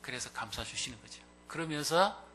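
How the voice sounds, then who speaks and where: A male pastor preaching a Sunday sermon, swinging from loud, rising peaks to hushed, near-whispered passages. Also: a little high, lively intonation, moderate pace, slight background noise. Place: church sanctuary.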